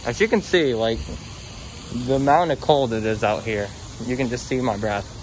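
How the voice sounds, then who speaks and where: A man's voice: medium pitch, normal speed, noisy background. Teen guy vlogging on his phone. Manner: rambling, filler-heavy, upbeat sign-offs. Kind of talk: casual vlog narration. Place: outdoors at a mall at night. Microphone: phone held at arm's length.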